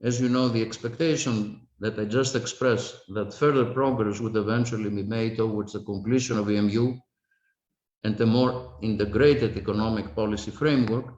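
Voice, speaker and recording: A man panellist giving formal prepared remarks over a video call, in a measured, deliberate way. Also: lowish voice, fairly even intonation, darkish tone. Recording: echoey, muffled video-call audio.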